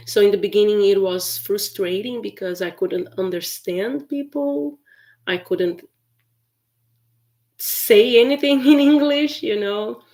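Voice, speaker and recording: A Brazilian woman, Portuguese being her first language, teaches English in a chatty livestream lesson filled with fillers and restarts. She speaks slowly in a mid-range, slightly mellow voice.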